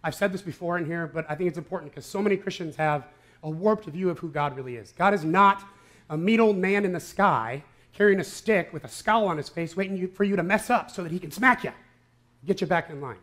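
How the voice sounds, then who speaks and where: A man's voice: sits high, a little fast, fairly bright tone. A male pastor giving a conversational sermon with an Upper Midwest American accent, often checking in with "right?" and "okay?". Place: church sanctuary.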